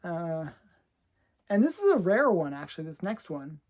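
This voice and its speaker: Mellow-voiced woman chatting about her comics. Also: lowish voice, very animated, moderate pace. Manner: chatty, laughs often between remarks. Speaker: comic collector showing her collection. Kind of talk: casual show-and-tell chat.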